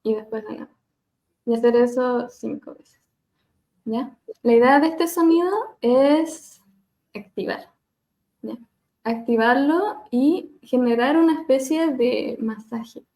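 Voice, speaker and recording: A woman speech therapist leading a webinar on voice care, gently demonstrating hums and glides over a video call and laughing at herself now and then. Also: high voice, slow pace, pauses often. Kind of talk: live webinar lesson on vocal exercises.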